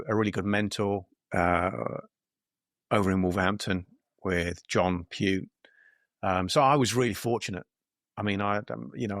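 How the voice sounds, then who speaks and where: A man's voice: low-pitched, fairly bright tone, no room sound, studio quality. A man in his fifties, a dentist co-hosting the podcast, talking in a rambling, hesitant way over a video call. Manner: rambling, hesitant, many fillers and restarts. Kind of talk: casual interview chat.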